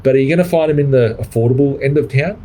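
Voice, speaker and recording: A man's voice: mid-range voice, fast, dark tone, poor audio. A middle-aged Australian man who coaches property investors, talking bluntly and swearing in a livestream monologue, often tagging "right?" on his points. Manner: blunt, swears freely, keeps adding "right?".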